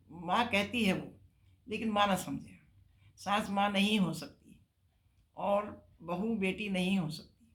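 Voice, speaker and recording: An older woman giving earnest, emphatic marriage advice on a talk show. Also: mid-range voice.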